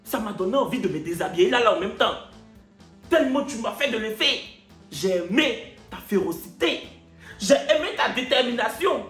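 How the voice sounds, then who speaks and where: A man's voice: sits high, normal speed, echoey room, soft background music. A man with an Ivorian French accent, a comedian telling a story and acting out each part of the dialogue. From Côte d'Ivoire. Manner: animated, acts out every part of the dialogue. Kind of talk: comic storytelling.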